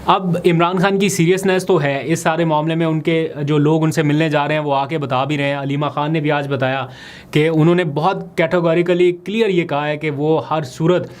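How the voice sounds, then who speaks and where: A man, a political vlogger giving brisk, explanatory analysis of the day's developments. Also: fairly high pitch, steady tone. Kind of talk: political commentary vlog.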